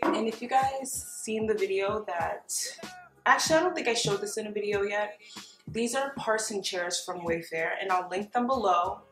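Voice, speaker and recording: A woman's voice: medium pitch, moderate pace. A young woman vlogger chatting casually to camera in a gushing, enthusiastic way, as in a home makeover reveal. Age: young adult. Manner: gushing, enthusiastic about finds. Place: small dining room at home, indoors. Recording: roomy echo, faint music behind.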